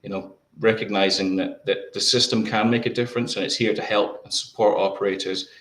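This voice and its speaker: A man with a low voice giving interview answers from an echoey room. He talks in a flat, even tone and often stumbles and repeats words before getting to his point. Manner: halting, many repeated words. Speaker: guest.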